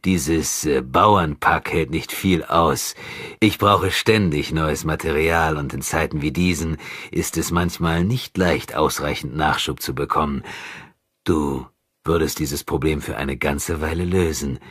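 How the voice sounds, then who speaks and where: A man reading an audiobook, voicing a cruel, mocking armored knight who speaks slowly and calmly with a sneer. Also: rumbling low, breathy edge, no room sound, clean studio sound, heavily acted. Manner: slow, drawn-out, sneering.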